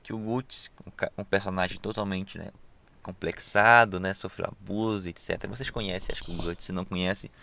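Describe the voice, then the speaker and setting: A man's voice: sits low, steady tone, brisk, gravelly, pushed and bright. A young man with a Brazilian accent hosting a casual solo podcast, rambling and reflective with lots of slang and fillers, and with s sounds that come out as sh. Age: young adult. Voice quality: hissing s sounds pronounced as sh. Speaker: podcast host. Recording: dull lo-fi dry recording.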